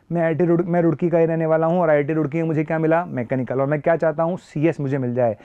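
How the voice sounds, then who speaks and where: A man with a sore throat plays a teacher explaining an admissions process, repeating key points emphatically and mixing in phrases. His voice is a little high, darkish, clear, and resonant. The explanatory lesson is recorded without echo, and the highs are cut off.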